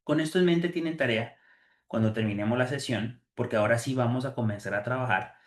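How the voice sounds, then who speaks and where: Male host, motivational speaker, preachy and emphatic, mid-pitched, roomy echo. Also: fairly quick. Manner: emphatic, preachy, with frequent fillers and restarts. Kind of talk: motivational talk to viewers.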